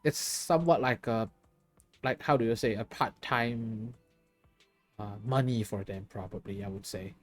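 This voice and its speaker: A man's voice: lowish voice, unhurried, dry recording, faint music behind. A tired man chatting casually while streaming a game, laughing often and answering his chat.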